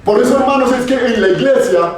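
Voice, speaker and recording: A man's voice: extremely high pitch, brisk, slight background noise. A male preacher giving a sermon, emphatic and repeating phrases for stress, in a church hall. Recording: very echoey hall, voice far off.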